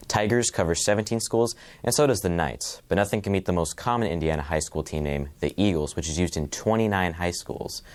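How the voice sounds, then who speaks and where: A male student presenter reading a scripted segment in an even, measured way. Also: sits low. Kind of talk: scripted narration.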